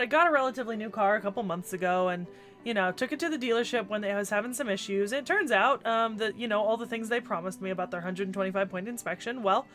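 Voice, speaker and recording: Fairly high-pitched and a bit bright, this woman streams a video game while chatting casually. Her nose is stuffed up from a cold, and she rambles along with frequent restarts and the odd curse.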